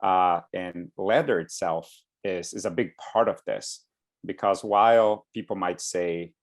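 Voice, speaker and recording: A man from Brazil with a very deep voice presents to an online class over a video call. He speaks hesitantly, with many fillers and restarts. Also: a little slow. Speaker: guest speaker. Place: home in Brooklyn.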